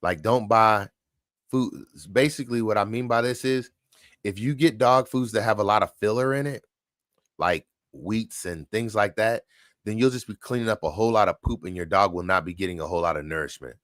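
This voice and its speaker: Man, very low voice, casual livestream chat, relaxed and repetitive, dry close sound. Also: a little fast, no echo. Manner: relaxed, chatty, repeats points. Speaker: livestream host, dog trainer. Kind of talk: casual livestream chat answering viewer questions.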